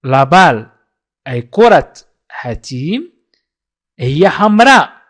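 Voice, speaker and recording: A man gives a children's language lesson at an unhurried pace. He says each word slowly and repeats it, then translates it. His pitch moves a lot, rising and falling as he explains. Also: big pitch swings, fairly bright tone. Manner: appeals to viewers to like and subscribe. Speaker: French teacher.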